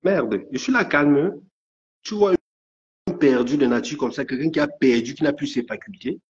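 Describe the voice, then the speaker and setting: On a live stream, a man rants angrily, stammering as he repeats his threats. His pitch is medium and his speed normal, while the stream audio sounds dull and lo-fi.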